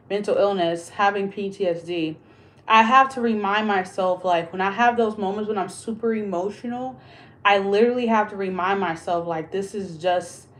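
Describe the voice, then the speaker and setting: A woman talks straight to her livestream viewers from inside her house, open and confiding. Her voice sits at an ordinary middle pitch, and the sound comes through a phone. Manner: candid and confiding, addressing viewers as "y'all". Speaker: livestream host. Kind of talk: casual livestream chat. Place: indoors at home.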